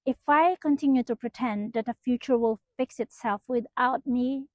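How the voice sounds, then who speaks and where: A woman with a fairly high voice speaks in a measured, serious tone. Her recording sounds dry and slightly dull. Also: no room sound. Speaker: mom and database administrator.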